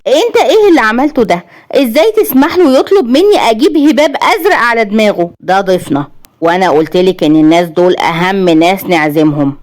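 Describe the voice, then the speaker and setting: A woman's voice: lowish voice, fairly even intonation, quick pace, darkish tone, natural voice. A woman voicing a domineering husband in an Egyptian Arabic accent, curt and bossy. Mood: scolding.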